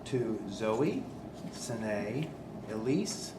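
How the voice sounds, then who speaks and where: A male attorney asking witnesses measured, formal yes-or-no questions in a courtroom recording. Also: fairly low pitch, very animated. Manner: measured, procedural, asks leading yes-or-no questions. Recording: echoey courtroom with background noise.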